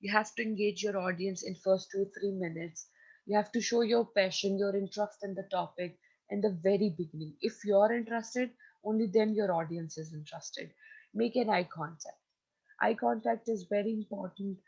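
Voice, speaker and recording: In a recorded lesson about presentation skills, a Pakistani-accented woman speaks emphatically and instructively, often making sure her audience keeps up. Her mid-range voice is a little mellow and husky at a moderate pace, with the high frequencies cut off.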